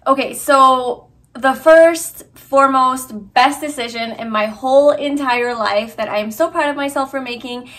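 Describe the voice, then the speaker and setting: A young Hungarian woman talks earnestly and casually to her vlog viewers, full of fillers and restarts. Her voice sits high and a bit bright, and she doesn't rush.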